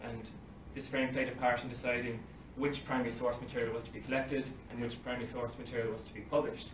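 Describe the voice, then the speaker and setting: Speaking quickly at medium pitch with little movement in his intonation, a young conference speaker reads his academic talk from paper at a lectern. He adds dry remarks punctuated by brief laughs. The audio, taken by a far-off phone camera in a library meeting room, is distant and roomy, with faint hiss and livestream quality.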